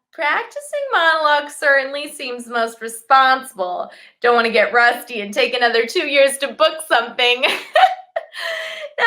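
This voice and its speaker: High-pitched young woman, sharp bright tone, acting an earnest frayed game show contestant, comic theatrical style. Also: heavily acted. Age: young adult.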